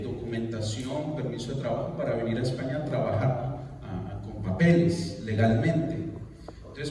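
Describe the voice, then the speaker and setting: A man's voice: mid-range voice, dark tone, a little hiss or hum. A man in his forties, a pastor, telling a personal story in a sermon, acting out the voices he quotes. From Colombia. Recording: echoey hall, from far off.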